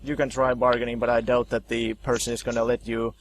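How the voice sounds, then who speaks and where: A man runs a tabletop horror game in loose, halting narration, full of ums and likes. His voice sits at a middle pitch, with a faint hiss underneath. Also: flat delivery. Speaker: game master.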